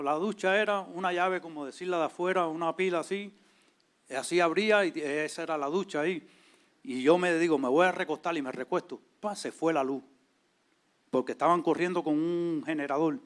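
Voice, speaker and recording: A man, telling his testimony in a lively way and acting out the voices of people in his story. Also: a little high. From Cuba. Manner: animated, acts out quoted voices. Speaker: church servant leader, guest.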